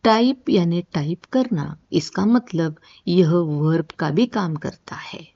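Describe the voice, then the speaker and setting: A woman teaching spoken English, repeating words patiently in slow drills. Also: fairly low pitch, animated, dark tone. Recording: dull lo-fi audio.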